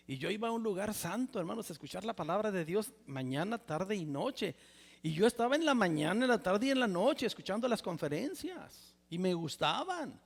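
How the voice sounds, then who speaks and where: A Mexican man in his sixties preaching a personal testimony sermon in a church, with a Mexican Spanish accent, swinging from loud exclamations to near whispers. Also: high-pitched, vocal fry. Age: 60s. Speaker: pastor. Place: church sanctuary. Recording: reverberant church hall.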